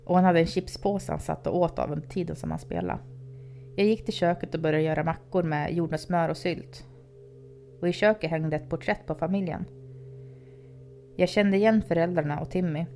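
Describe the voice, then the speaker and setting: Female storyteller, low dark voice, calm reading, faint music bed. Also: slight background noise. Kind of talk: podcast horror story narration.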